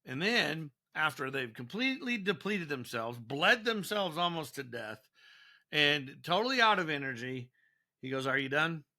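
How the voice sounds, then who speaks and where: Forceful, bright-voiced male Bible teacher. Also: on the high side, moderate pace. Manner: animated, repeats and restarts words. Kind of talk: devotional scripture teaching.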